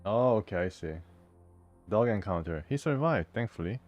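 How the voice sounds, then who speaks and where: Playing a role-playing game, a man comments casually, reads the game's text aloud, and thinks out loud in an amused, chatty way. His voice is lowish and animated at normal speed, with faint music behind him.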